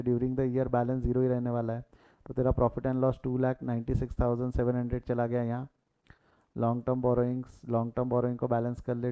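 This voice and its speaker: A man teaching accounting in a live online class, repeating key figures and urging students to answer in the chat. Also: medium pitch. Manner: mixes English terms, repeats key figures, urges students to reply in chat. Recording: tinny phone-like audio.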